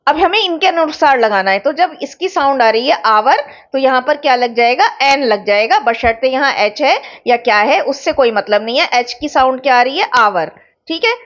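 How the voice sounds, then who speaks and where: A woman's voice: high-pitched, expressive, moderate pace, fairly bright tone, lo-fi sound. A woman with an Indian accent giving an English grammar lecture, explaining step by step and often checking that students follow. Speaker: English teacher. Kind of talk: online exam-prep lecture.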